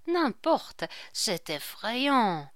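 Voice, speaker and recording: A woman reading aloud and voicing a sly, quick-witted male court jester with a mocking, theatrical manner. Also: a little high, very animated, fairly bright tone, dry recording, studio quality, voice pushed up, full character voice. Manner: mocking, theatrical whispers and mock pleading.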